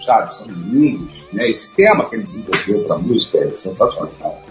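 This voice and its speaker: Animated man telling stories in a roomy studio. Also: lowish voice, moderate pace. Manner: animated storyteller, laughs often. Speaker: guest. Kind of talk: casual chat. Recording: muffled roomy sound with faint music.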